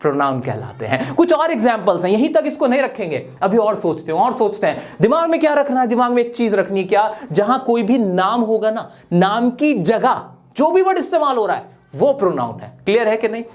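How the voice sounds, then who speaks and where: A man's voice: sits high, sing-song, fairly quick. A man teaching grammar to viewers in a playful way, firing rhetorical questions at them.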